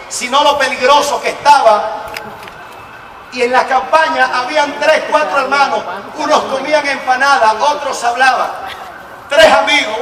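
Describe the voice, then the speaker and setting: A man with a Venezuelan accent preaching a sermon, swinging from quiet storytelling to shouted proclamations. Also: extremely high pitch, reverberant, in a large hall, far from the mic, noisy background. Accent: Venezuelan Spanish.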